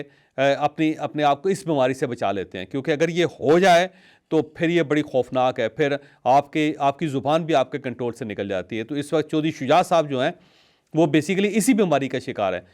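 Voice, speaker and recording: A man with a somewhat high voice, hosting a talk in an unhurried storytelling manner. He explains things step by step, pausing now and then to find the word. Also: animated, darkish tone. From Pakistan. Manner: storytelling, measured, with hesitations. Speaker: host. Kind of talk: casual health talk.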